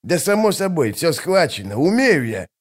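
A man's voice: on the high side, very animated, moderate pace, voice pushed up. A man narrating an audiobook, voicing an irritable, hot-tempered male army mage. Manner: snappy, irritable.

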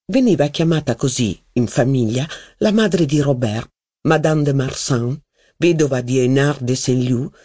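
A man reading a literary novel aloud as an audiobook in a measured, expressive manner. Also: medium pitch, no room sound, studio quality. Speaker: audiobook reader.

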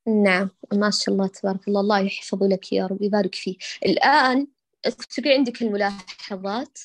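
A woman teaching Quran recitation to a student, patiently correcting her and stretching out sounds slowly to show how they should be said. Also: medium pitch, fairly even intonation, slight background noise. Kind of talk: one-on-one recitation coaching.

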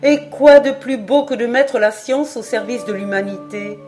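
Paganel, a woman voicing an excitable French geographer. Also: a little high, normal speed, faint music behind, pitched above the performer's own voice, lightly acted. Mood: excited. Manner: exclaiming, lively and emphatic. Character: excitable male French geographer, absent-minded, eager.

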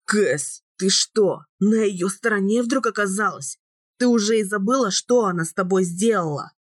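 A woman reading an audiobook voices a young man just out of a coma, talking quietly and guardedly. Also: medium pitch, moderate pace, dry recording, studio quality, pitched above the performer's own voice, lightly acted. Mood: indignant.

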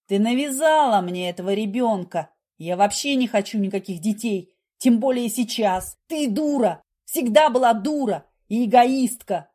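A woman reading aloud voices a middle-aged male boss with a low, clipped delivery. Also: lively intonation, measured pace, dark tone, slightly rough. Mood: angry.

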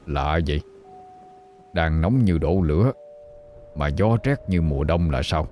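A man voicing an older father, uneasy and protective, speaking low and tense. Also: expressive, unhurried, a little mellow, a little hiss or hum.

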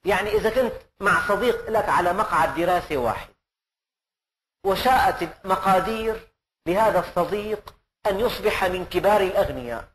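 A man's voice: sits high, lively intonation, a little fast, fairly bright tone, a little hiss or hum. An older man preaching in an earnest style, full of rhetorical questions and emphatic rises. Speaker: preacher giving Quran commentary. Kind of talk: sermon.

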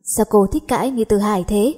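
A woman's voice: mid-range voice, a little fast, dark tone, slightly rough, lightly acted. A woman voicing a cocky, nosy teenage schoolboy who bickers and teases. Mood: teasing. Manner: teasing, bickering.

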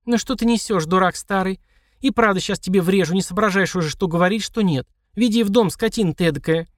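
A man's voice: on the high side, animated, fast talker, no echo, voice pushed up, natural voice. A man voicing a hot-tempered, bossy woman mage in an audiobook, with a dry, close sound. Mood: angry. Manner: bossy, sharp.

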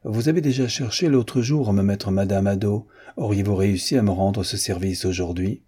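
A man voicing a boastful, reckless young gentleman in an audiobook reading, excitable and brash. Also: lowish voice, normal speed, breathy edge.

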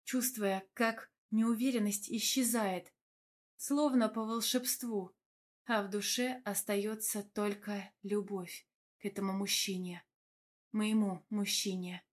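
A woman's voice: mid-range voice, fairly even intonation, slow. Woman reading a romance novel aloud. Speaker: audiobook narrator.

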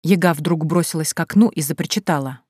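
Woman, audiobook narrator, low voice, steady storytelling, dry close mic. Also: a little fast, breathy edge, dry recording. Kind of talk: scripted narration.

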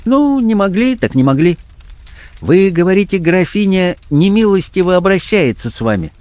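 A man's voice: high-pitched, very animated, moderate pace, a little mellow, dry recording, pitched above the performer's own voice. Milverton, a man doing a raised sneering blackmailer. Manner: sneering, condescending. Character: smug, menacing middle-aged male blackmailer. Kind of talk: audiobook character voice.

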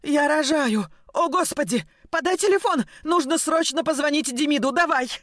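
A woman reading an audiobook, voicing a young pregnant woman in labor who pleads and shouts frantically in pain. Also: fairly high pitch, normal speed, no echo, clean studio sound, voice pushed up, natural voice. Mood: panicked.

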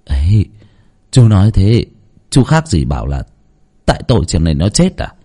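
A man's voice: low voice, very animated, moderate pace, warm tone, slightly rough, heavily acted. A man voicing a grumpy, defensive old bald landowner in a horror audiobook, talking in an indignant, self-justifying way.

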